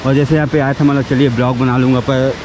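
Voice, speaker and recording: A man's voice: mid-range voice, level tone. A man narrating a walking tour vlog at an outdoor temple site, chatty and admiring, talking straight to his viewers. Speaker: travel vlogger. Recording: loud waterfall noise outdoors. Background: loud rushing water.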